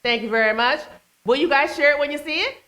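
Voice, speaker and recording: A woman's voice: sits high, fast, noisy background. A woman hosting a live talk show on a small stage, chatting playfully and teasing the audience. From United States, family from Trinidad and Tobago.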